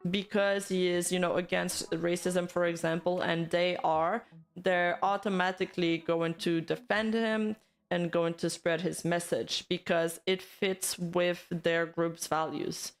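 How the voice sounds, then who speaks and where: A woman's voice: fairly low pitch, level tone, a little slow. A woman hosting a livestream, chatting and commenting casually as she reacts to viewer comments. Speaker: livestream host.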